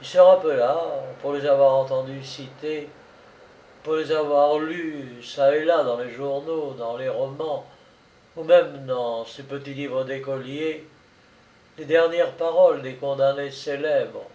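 A man narrating a classic story in a measured, dramatic reading style. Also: mid-range voice, fairly even intonation, mellow, dull audio. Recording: roomy, distant mic, faint noise.

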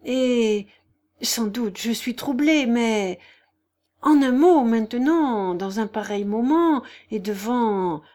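A rattled older aristocrat in an audiobook, played by a woman reader. He halts, repeats himself and strains upward in pitch, slow and uneasy. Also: expressive, a little mellow. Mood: flustered. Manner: stammering, halting. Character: flustered, stammering older nobleman.

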